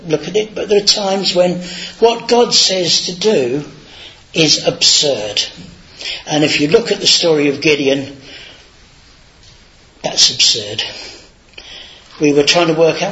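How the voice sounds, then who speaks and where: A man's voice: fairly high pitch, a bit bright. A man giving an informal, anecdotal sermon in a chatty, self-deprecating way, on a dull lo-fi recording. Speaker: lay preacher.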